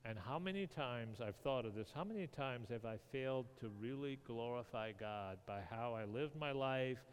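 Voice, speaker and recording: A man preaching a sermon, acting out the people in the scripture with animated storytelling. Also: medium pitch, moderate pace, slight background noise. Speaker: pastor. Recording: long reverb of a hall.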